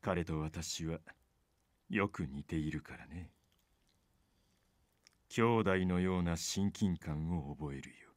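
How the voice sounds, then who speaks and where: An actor playing a calm criminal mastermind in a Japanese game, monologuing with slow, theatrical menace. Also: male voice, rumbling low, dry recording. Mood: menacing, musing. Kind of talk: Japanese visual novel game voice acting.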